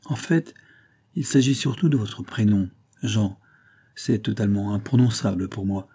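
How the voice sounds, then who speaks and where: A man reading the part of a young American woman doctor in an audiobook, speaking gently and hesitantly with an American accent. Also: on the low side, normal speed, breathy edge. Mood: tender. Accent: American, put on.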